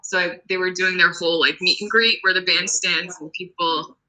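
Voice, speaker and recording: Guest singer, young woman, bright and animated, full of quoted asides. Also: lowish voice, moderate pace, poor audio. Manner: animated, acts out quotes, many "I'm like". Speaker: guest musician, vocalist. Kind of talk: casual storytelling.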